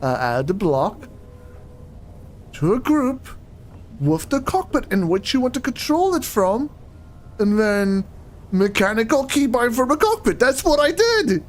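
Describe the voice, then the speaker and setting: A man's voice: high voice, big pitch swings, a little slow, long pauses. A young man streaming a game, chatting in a rambling way and often getting puzzled, recorded on a desk microphone at home. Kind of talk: casual live-stream chat while playing.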